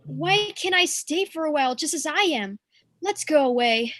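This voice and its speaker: A woman's voice: high voice, lively intonation, normal speed, fairly bright tone. A young woman voicing an anxious young bride who pleads with her father in a school play reading. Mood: pleading. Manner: pleading, emotional.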